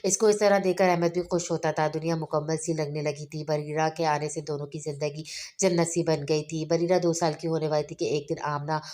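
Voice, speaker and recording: A woman's voice: low voice, level tone, a little fast, warm tone. A woman with an Urdu accent reading a romance novel aloud, giving the dialogue a little emotion. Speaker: novel reader.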